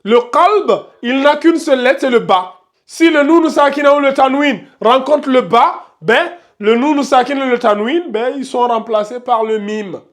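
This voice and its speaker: A man teaching a class at a board, repeating each point, checking that students follow, and slowing down to spell out pronunciations. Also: very high-pitched. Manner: slows down to spell out Arabic pronunciations. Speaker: tajwid teacher.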